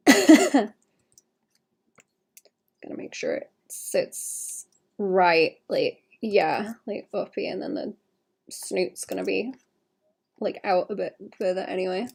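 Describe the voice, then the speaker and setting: This young streamer takes it slowly at medium pitch, pausing often, her voice hoarse and gravelly as she stifles a cough. Sketching a commission, she thinks aloud in an easygoing, rambling way, chatty and self-correcting with many "like"s and soft laughs.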